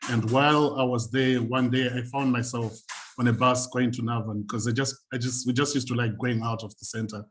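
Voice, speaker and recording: A man's voice: mid-range voice, fairly even intonation, brisk, slight background noise. A man from Zimbabwe, a community and youth work practitioner, speaking on a video call panel in a conversational, reflective storytelling manner. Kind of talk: panel talk, personal story.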